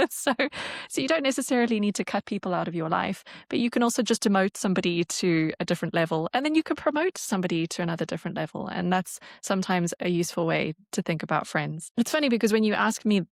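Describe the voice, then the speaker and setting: A woman's voice: mid-range voice, lively intonation, fast talker, vocal fry, no echo, studio quality. A woman co-hosting a podcast, explaining her ideas in a thoughtful, casual chat. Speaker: podcast co-host.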